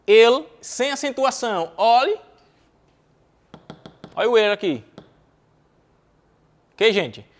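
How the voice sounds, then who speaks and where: A man's voice: high-pitched, animated, a little slow, pauses often. A Brazilian man with a Brazilian Portuguese accent teaching an exam-prep grammar lesson. He asks himself rhetorical questions, answers them, repeats key words and keeps checking in with "ok?". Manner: checks in constantly with "ok?" and "né?". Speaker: Spanish teacher.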